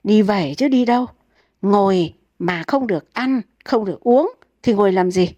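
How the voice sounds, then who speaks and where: A woman's voice: mid-range voice, normal speed, dark tone, no room sound, highs cut off, lightly acted. A cranky elderly husband snaps back in exasperation, read by a woman. He is stubborn and short-tempered, a figure in a comic storybook. The sound is dry and close. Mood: irritated. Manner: snapping, exasperated retorts.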